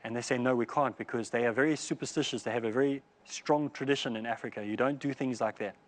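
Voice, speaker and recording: A man's voice: mid-range voice, steady tone, quick pace. A man preaching, telling a long parable and acting out the lines of its characters. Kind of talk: storytelling sermon.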